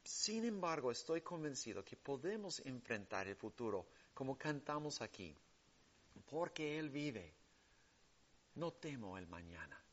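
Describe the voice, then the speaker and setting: A man preaching a sermon with emphatic stresses that drop to hushed, soft passages. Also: sing-song, measured pace, highs cut off. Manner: emphatic preaching that swings between loud stresses and hushed lows.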